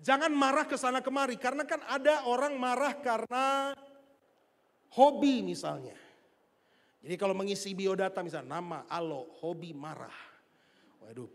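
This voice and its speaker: A male pastor, preaching in a large church. He tells stories and keeps asking the congregation questions. His voice rings out with the long echo of the hall. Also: very high-pitched. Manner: lively storytelling with rhetorical questions to the congregation. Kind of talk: sermon.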